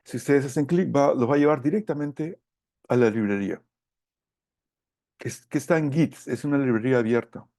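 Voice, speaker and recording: A middle-aged man giving a technical lecture from slides, speaking haltingly as he searches for his words. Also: mid-range voice, darkish tone, no room sound, clean studio sound. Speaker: course lecturer.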